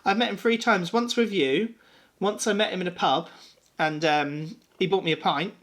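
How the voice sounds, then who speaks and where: A man's voice: high voice, normal speed, fairly bright tone. A man co-hosting a casual music chat, rambling and self-deprecating. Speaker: podcast co-host.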